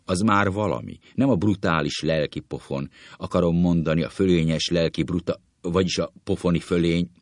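A man's voice: deep voice, no echo, clean studio sound, lightly acted. A man voicing a vain, cowardly male writer who rants indignantly about spiritual superiority and later titters nervously, in a comic play reading.

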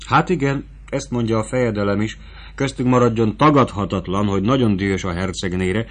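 A man voicing a fawning, scheming male court prosecutor who wheedles and bargains eagerly, read in a fairly low voice. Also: lightly acted.

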